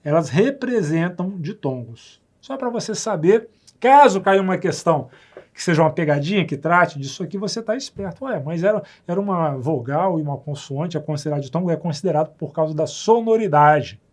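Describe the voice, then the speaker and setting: Brazilian male teacher, slightly raised pitch, patient and repetitive recorded lesson delivery. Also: animated. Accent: Brazilian Portuguese. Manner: patient, repeats words slowly and checks with the viewer.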